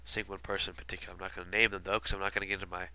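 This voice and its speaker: This low-voiced man races along with little pitch movement and a sharp tone, slight background noise behind him. Congested from illness, he's a video commentator loosely looking back on an album, rambling with plenty of fillers and asides.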